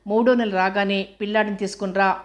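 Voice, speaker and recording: A woman's voice: mid-range voice, fairly even intonation, a little fast, natural voice. A woman reading out a reproachful letter from an older widowed mother to her daughter-in-law, in her own plain narrating voice. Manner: reproachful, pleading.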